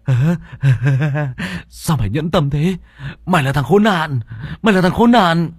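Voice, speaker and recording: A man's voice: lively intonation, moderate pace, breathy edge, no room sound, studio quality. A man voicing a vicious shape-shifting demon that taunts, begs and curses in an audio story. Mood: mocking taunt. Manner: taunting, then shrill wailing and cursing.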